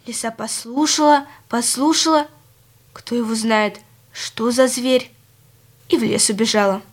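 A woman narrating a children's fairy tale in a gentle, expressive storytelling manner. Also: fairly high pitch, unhurried.

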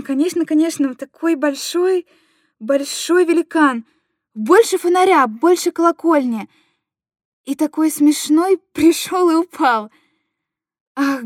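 A high-voiced woman speaks at a measured pace in a clean studio setting without room sound. She reads a dramatic literary monologue as a tender, anguished mother who coos simple, repeated stories to her little boy, the feeling tender and aching.

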